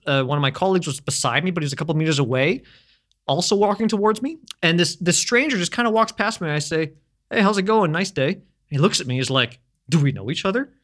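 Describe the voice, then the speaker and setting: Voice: mid-range voice, a bit bright. A podcast host telling a rambling, joking anecdote in casual conversation.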